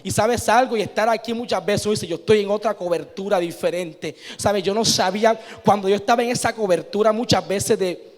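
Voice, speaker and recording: Young male church leader, high-pitched, conversational preaching style, echoing hall. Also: a little fast. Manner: conversational preaching, often asking "¿sabes?". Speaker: church leader giving testimony. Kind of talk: sermon testimony. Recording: long hall reverb.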